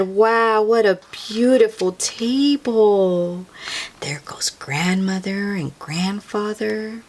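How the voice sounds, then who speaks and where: Her voice sits in the middle range as this woman hosts a young children's picture-book read-aloud. The delivery is expressive and sing-song, peppered with listener questions and soft exclamations.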